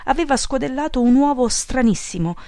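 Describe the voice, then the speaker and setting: A woman narrating an audiobook in a measured, wry storytelling manner. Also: high-pitched, lively intonation, mellow, dry recording. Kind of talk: audiobook reading.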